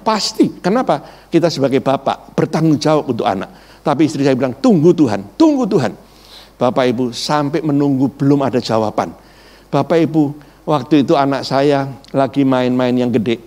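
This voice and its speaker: A middle-aged man, a pastor, preaching a sermon built around a personal testimony, telling his story animatedly and repeatedly addressing the congregation. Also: mid-range voice. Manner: animated storytelling, acts out quoted voices, repeats "Bapak Ibu".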